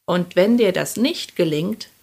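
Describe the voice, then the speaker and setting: A gruff old witch, put on by a woman reading a storybook, growls her lines slowly and slyly. The voice sits low and menacing. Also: lively intonation, a little mellow, full character voice. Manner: growling, slow and sly.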